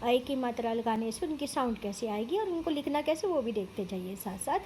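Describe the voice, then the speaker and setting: A woman's voice: on the high side, expressive, brisk, darkish tone, a little hiss or hum. A woman teaching children Hindi vowel signs, sounding out syllables patiently and explaining words, mixing in English terms. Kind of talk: slow, careful Hindi lesson for children.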